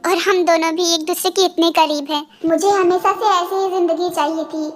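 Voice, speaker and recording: A woman voicing a gentle, caring young husband and new father in an amateur fan dub. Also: very high voice, fairly even intonation, normal speed. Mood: soothing. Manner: gentle, soothing, teasing.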